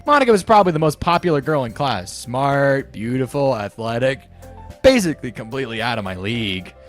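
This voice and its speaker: A man's voice: medium pitch, lively intonation, a little fast, soft background music. A young man reading game narration aloud with friends in a playful way, with laughing asides. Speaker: narrator of a read-through.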